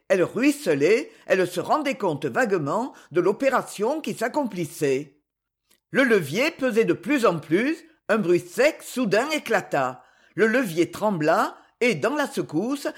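Woman narrator, husky, slow, theatrical read of a melodrama. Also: medium pitch. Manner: theatrical, measured delivery. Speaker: audiobook narrator. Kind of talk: dramatic novel reading.

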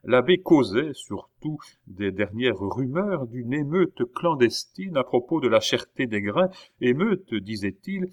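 A man narrating a classic novel aloud in a measured way, with the odd hesitation. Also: medium pitch, sing-song. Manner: measured reading with occasional hesitations. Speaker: audiobook narrator. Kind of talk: literary audiobook narration.

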